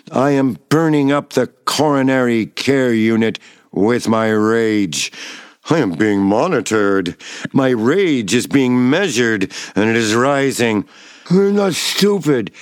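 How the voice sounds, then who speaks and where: A man in his seventies giving a dramatic first-person reading of his memoir, blunt and profane, swinging between hushed low tones and raised outbursts. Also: clean tone, no room sound, studio quality. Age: 70s. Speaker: memoir reader.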